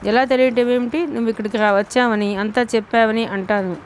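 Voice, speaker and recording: A woman reading an audiobook novel, voicing a caring young man who speaks softly and coaxingly. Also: fairly high pitch, steady tone, brisk, a little hiss or hum, natural voice. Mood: firm. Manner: soft, soothing, coaxing. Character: caring young man, gentle and protective cousin.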